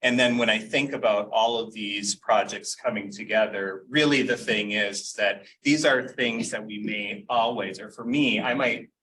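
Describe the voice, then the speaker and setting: A man presenting an exhibit to an audience, reflective and pausing with fillers. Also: fairly low pitch, fairly even intonation, sharp tone. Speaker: exhibit organizer. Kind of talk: event presentation speech. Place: event room. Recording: distant mic with faint room noise.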